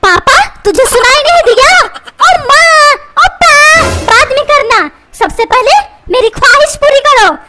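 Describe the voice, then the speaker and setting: A woman's voice: very high voice, lively intonation, measured pace, voice pushed up. A woman voicing a spoiled, scheming young boy who wheedles and bosses his father around. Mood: bossy. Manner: wheedling, bossy. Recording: noisy background.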